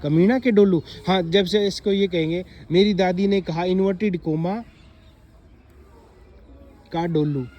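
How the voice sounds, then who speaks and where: A man teaching young pupils in a classroom, asking them questions and slowly reading example sentences aloud. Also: high-pitched, fairly even intonation, mellow, lo-fi sound. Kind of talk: classroom explanation to children.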